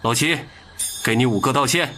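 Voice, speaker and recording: An actor voicing a smooth, ingratiating, scheming prince hosting a banquet in an animated drama. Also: male voice, medium pitch, moderate pace, slight background noise, close to an everyday voice.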